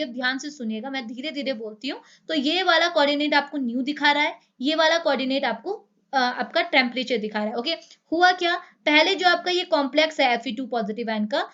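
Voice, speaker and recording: Indian-accented woman, chemistry lecture, high voice, quick pace, rhetorical questions. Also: sharp tone, highs cut off. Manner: explains step by step with many rhetorical questions. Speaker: chemistry teacher.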